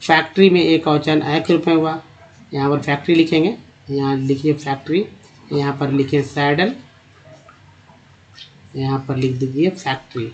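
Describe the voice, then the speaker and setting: A man teaching English pronunciation to Hindi speakers, spelling out words and repeating each one slowly while quizzing the viewer. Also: a little high, fairly even intonation, a little hiss or hum. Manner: repeats each word slowly, drilling vowel sounds; addresses viewers as friends, asks rhetorical questions. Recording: dull lo-fi recording.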